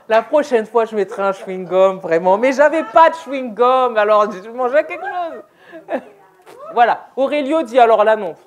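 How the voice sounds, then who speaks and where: Brief: woman, higher voice, unhurried church workshop presenter, playful, laughs often, restarts her phrases. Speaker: deaf ministry presenter. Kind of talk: interactive church workshop talk. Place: church hall, indoors.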